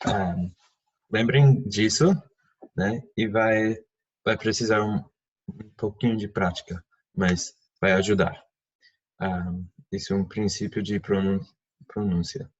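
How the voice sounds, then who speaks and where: A man's voice: sits low, breathy edge, dull audio. A man, a native English speaker with a foreign accent in Portuguese, teaching an English lesson and patiently repeating example phrases. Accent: English-speaking learner of Portuguese. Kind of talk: online language lesson.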